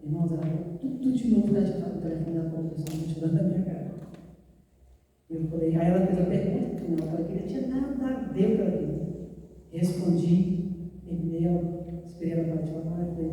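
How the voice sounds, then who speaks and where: A woman's voice: on the low side, warm tone. A woman giving a testimony sermon in a church, telling her story earnestly and often addressing the congregation as brothers. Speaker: guest preacher. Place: church hall. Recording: echoey church hall, voice from far off.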